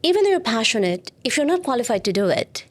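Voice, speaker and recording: A woman's voice: on the high side, sing-song, quick pace. A woman answers podcast questions as an entrepreneur guest. She drives home each point with firm repetition, lining up short statements and pressing on the key ones. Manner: emphatic, repeats points for stress. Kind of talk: interview answers.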